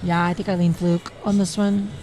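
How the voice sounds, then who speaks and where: A man giving live color commentary, offering quick, coaching critique of each entry. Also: high voice, little pitch movement, a little mellow. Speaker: color commentator and judge-style analyst.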